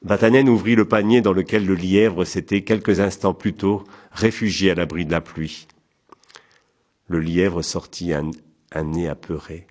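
Deep-voiced male audiobook narrator. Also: fairly even intonation, unhurried, darkish tone.

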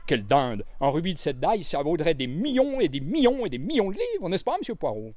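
A man voicing an excited, eager young woman in a storybook reading, pleading and breathless. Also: fairly high pitch, fairly quick, no echo. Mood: optimistic.

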